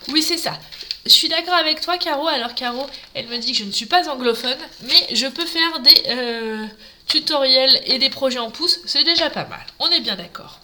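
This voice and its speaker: Bright chatty French woman crafting live. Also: high voice, animated, moderate pace, a little hiss or hum. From Normandy, France. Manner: chatty, greets live viewers by name. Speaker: craft demonstrator. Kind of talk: live papercraft tutorial. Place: home craft table.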